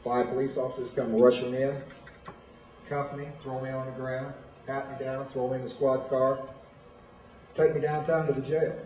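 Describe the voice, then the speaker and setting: A man's voice: medium pitch, flat delivery, normal speed, a little mellow. A man, telling his own story in plain, direct words as a guest speaker at a school. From Illinois, USA. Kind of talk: personal testimony speech. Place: high school hall. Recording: echoey hall, voice from far off.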